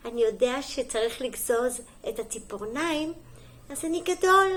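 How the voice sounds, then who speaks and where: A middle-aged kindergarten teacher reading a storybook aloud to young children, gentle and sing-song, pausing for little asides and questions. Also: female voice, sits high.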